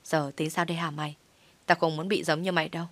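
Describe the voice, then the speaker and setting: Woman reading worried young guy friend, quick and fretful, low dry voice. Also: level tone, a bit bright, dry recording. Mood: panicked. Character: young man, worried loyal office friend.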